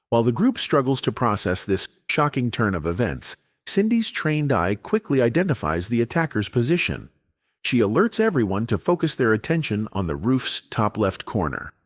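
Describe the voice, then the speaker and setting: A man giving a measured, dramatic scripted narration, recapping a story. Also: mid-range voice, dry recording, studio quality.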